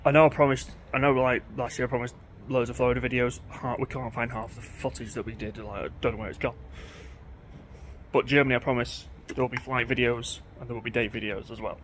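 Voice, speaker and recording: A train-spotting vlogger with a mid-range voice talks fast and excitedly to camera from an outdoor railway platform, chatting casually as he watches trains. Station noise, passing trains, and platform ambience sit behind his voice.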